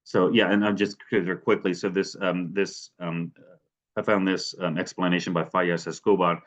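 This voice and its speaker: Speaking in a deep voice with a level tone at normal speed, this West Virginia man presents an academic webinar. He keeps hedging with "sort of" and "kind of" and often starts his sentences over.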